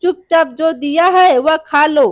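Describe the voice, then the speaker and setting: Woman reading as a bossy mother-in-law, high voice, slow scolding, dry close sound, storybook. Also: dry recording. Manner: scolding, impatient.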